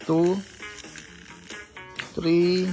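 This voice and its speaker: An online casino streamer giving casual commentary on a slot game, counting spins aloud and bursting into excited exclamations. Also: mid-range voice, extremely slow, music in the background.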